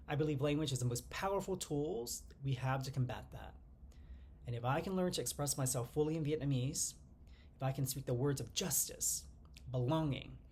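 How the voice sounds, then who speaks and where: A man in his forties from the United States, speaking to the camera in a measured, earnest personal monologue as the channel's host. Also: medium pitch, creaky, darkish tone, slight background noise. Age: 40s. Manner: earnest, measured delivery in short phrases, glancing at notes.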